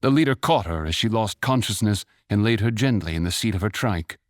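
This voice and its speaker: A man narrating a fantasy short story in a measured, even storytelling manner. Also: lowish voice, no echo, studio quality, natural voice. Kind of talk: scripted audiobook narration.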